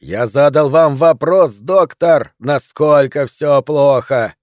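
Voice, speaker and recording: A man doing a shouting, cranky hypochondriac. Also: fairly high pitch, animated, no room sound, clean studio sound, lightly acted. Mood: ranting. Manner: shouting, indignant, drawn-out emphasis. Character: cranky hypochondriac middle-aged man in bed.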